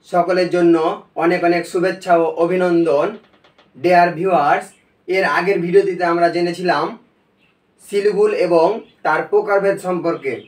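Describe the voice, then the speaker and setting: A man teaching a recorded video lesson, explaining step by step in a slow, patient way. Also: high voice. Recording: echoey room, voice from a distance.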